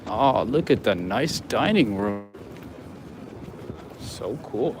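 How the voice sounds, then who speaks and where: A man's voice: fairly low pitch, animated, slow pace. A man walking and talking outdoors, rambling casually to viewers as he livestreams. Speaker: live streamer. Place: outdoors on an urban waterfront. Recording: outdoor urban ambience, traffic noise.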